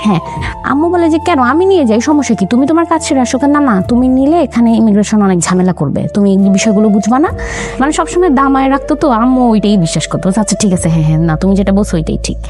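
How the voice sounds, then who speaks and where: Her voice is a little high, expressive and fast as she recounts her family's story in earnest during an interview. She quotes her parents' words as she goes, with music playing underneath.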